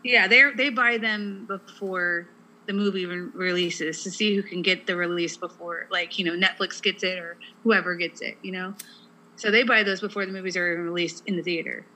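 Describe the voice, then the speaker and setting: A woman's voice: fairly low pitch, steady tone, moderate pace, pushed and bright, poor audio. A woman co-hosting a casual podcast, explaining at length in a chatty way with lots of fillers. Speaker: podcast co-host. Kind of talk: casual chat.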